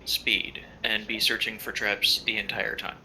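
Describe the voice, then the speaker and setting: A man's voice: fairly low pitch, little pitch movement, a little slow, a crowd in the background, rough recording. A man player chatting casually, easygoing and self-deprecating. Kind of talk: casual chat between game sessions.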